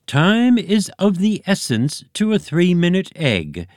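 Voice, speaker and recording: A man's voice: sits high, huge pitch swings, takes it slowly, dry recording, clean studio sound, pitched above the performer's own voice, full character voice. A man reading a story, voicing a pompous, bossy male egg-alien leader who bellows his orders. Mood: smug. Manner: bellowing, blustering. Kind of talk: audiobook character voice.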